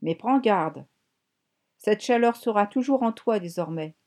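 Brief: a woman doing an ominous murmuring dream voice, warm and low-key, storybook. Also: animated, unhurried. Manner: murmured, warning.

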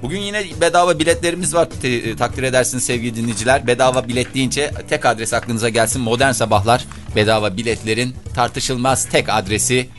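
A man's voice: mid-range voice, fast talker, hardly any pauses, a bit bright, soft background music. A man hosting a morning radio show, bantering playfully with a co-host and reciting mock-grandiose slogans in a theatrical manner.

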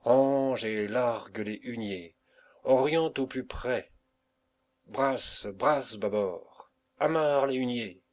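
A man's voice: mid-range voice, slow pace, a little mellow, lightly acted. A man reading the part of a fiery pirate captain who rouses his crew and barks orders. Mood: barking orders. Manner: rousing, barking orders.

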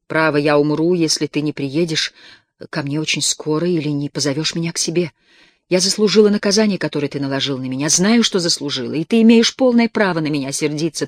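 A worn-out young country woman speaks softly and pleads in a hushed, tired voice, as a male audiobook reader voices her. The voice sits fairly high for a man and sounds dry and close, with no room around it. It keeps a quiet, aching tone. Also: no room sound, natural voice. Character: weary, desperate young peasant woman. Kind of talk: audiobook reading.

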